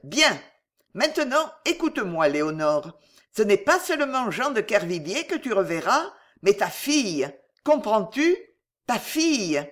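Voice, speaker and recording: A woman's voice: mid-range voice, big pitch swings. A woman reading a stern, imperious woman. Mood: insistent. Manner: firm, measured, commanding. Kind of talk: audiobook reading.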